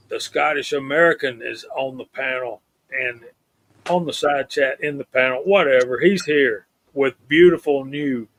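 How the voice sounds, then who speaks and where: A man's voice: a little high, dry recording. A man hosting a casual live stream and reading out viewer names. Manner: reads out viewer names in a steady list.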